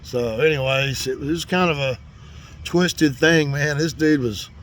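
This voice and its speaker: A man's voice: fairly high pitch, a little slow, a bit bright. A middle-aged man telling a rambling, earnest story, full of "man" and "you know". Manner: folksy and earnest, talks about faith. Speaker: host. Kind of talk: casual storytelling monologue.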